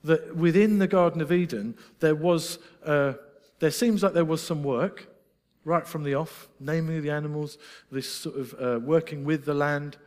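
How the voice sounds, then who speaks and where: A middle-aged Scottish man preaching in an earnest, reflective way, now and then making light of himself. His voice sits a little high for a man. The sound carries a long reverb, as in a large hall. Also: normal speed, a little mellow. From Scotland. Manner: earnest, reflective, with self-deprecating asides. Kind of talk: sermon.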